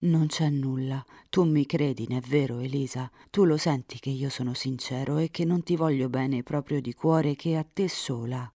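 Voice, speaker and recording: A woman reading aloud, voicing a proud, sincere young count who speaks earnestly and sometimes in a hush. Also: rumbling low, moderate pace, few pauses, no echo, clean studio sound. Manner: earnest, sometimes hushed to a whisper.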